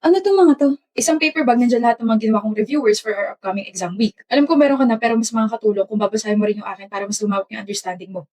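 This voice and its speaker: A woman's voice: a little high, very fast, few pauses, darkish tone, lightly acted. A woman playing a playful, doting young boyfriend. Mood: eager. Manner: playful and persistent. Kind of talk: comedy skit acting.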